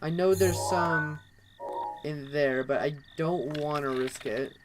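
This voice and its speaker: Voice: medium pitch, fairly even intonation, slow pace, over loud music, low-quality recording. A let's play host giving casual, rambling commentary over gameplay, with constant fillers like "actually" and "kind of".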